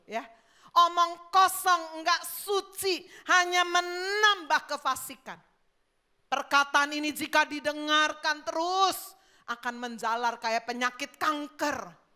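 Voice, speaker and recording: A woman pastor preaches in a church. Her voice is high and bright. She tells lively stories and acts out the people in them. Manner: lively storytelling, acting out gossiping voices. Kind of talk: sermon.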